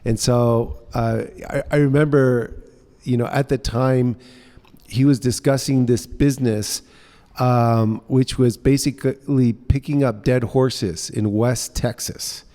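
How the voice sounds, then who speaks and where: A man in his fifties, raised in the United States, telling stories in a relaxed, chatty way as a guest in an interview in a co-working space. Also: medium pitch, takes it slowly, long reverb tail. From United States (grew up in New Orleans). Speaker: guest, entrepreneur. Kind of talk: casual interview conversation.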